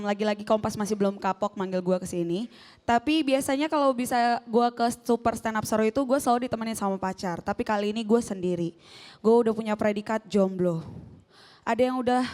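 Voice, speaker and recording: A woman's voice: on the high side, long reverb tail. A young woman doing a stand-up set on stage, in slangy casual talk, playful, acting out quoted voices. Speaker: stand-up comedian. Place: stage before a live audience.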